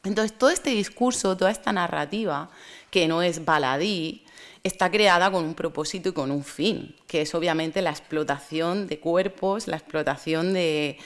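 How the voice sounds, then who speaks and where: A woman speaking at a conference, lecturing in a measured, thoughtful way with pauses and restarts. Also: on the low side.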